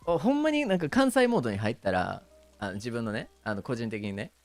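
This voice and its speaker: A man with a Kansai accent chats casually on his stream, his pitch swinging widely as he talks. He hesitates often, padding his sentences with fillers and breaking into frequent laughter. Soft music plays quietly behind him. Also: big pitch swings, fairly quick, no echo. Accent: Kansai Japanese.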